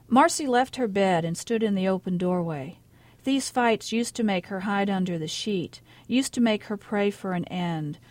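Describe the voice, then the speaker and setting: A woman author giving a measured, quiet literary reading of her own short story in a radio studio. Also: fairly low pitch, dry recording.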